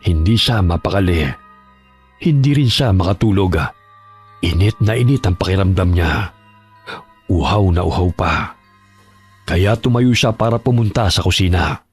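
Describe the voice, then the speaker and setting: Husky low guy telling a scary story slow and steady, faint music under. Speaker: horror story narrator. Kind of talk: scripted narration.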